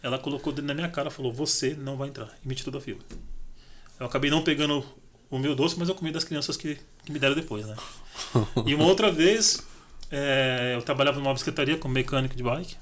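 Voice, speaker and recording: A man's voice: mid-range voice, fast, slight background noise. A middle-aged man, a podcast guest telling his life story in casual chat and acting out the dialogue. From Brazil. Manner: animated, acts out dialogue in his stories.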